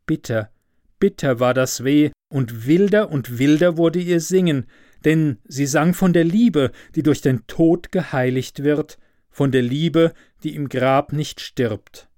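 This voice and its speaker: A man narrating a storybook tale in a slow, measured way. His voice sits a touch high for a man, and the sound is dry and close to the mic, with no room around it. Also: darkish tone, no room sound. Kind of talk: storybook reading.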